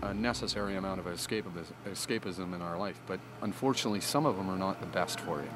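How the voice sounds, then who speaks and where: A man with a low voice reflects aloud in a documentary interview. His phrasing is halting and philosophical, as he searches for the right word. Music or outdoor noise sits behind him. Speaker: harpist and storyteller.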